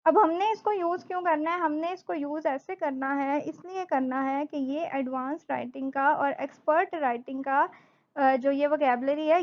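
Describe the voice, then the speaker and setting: A young woman teaching an English vocabulary lesson, explaining each phrase slowly with several meanings. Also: high-pitched, muffled recording. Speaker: English instructor.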